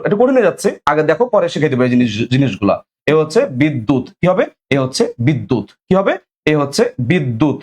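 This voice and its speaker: A young man teaching an online exam-prep lesson, drilling students with repeated questions and asking viewers to comment. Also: a little high.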